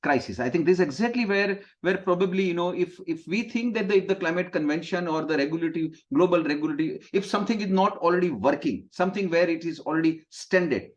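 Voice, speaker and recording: A man from India, a native Gujarati speaker, moderates a webinar over a video call in a high-pitched voice, talking fast with hardly any pauses. He rambles, leaning heavily on "you know" fillers and restarts, and the call audio sounds dull and lo-fi.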